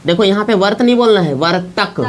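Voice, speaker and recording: A woman's voice: mid-range voice, expressive, moderate pace. A woman teaching math to a class at the board, often asking the students to check along. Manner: asks the class constant check questions.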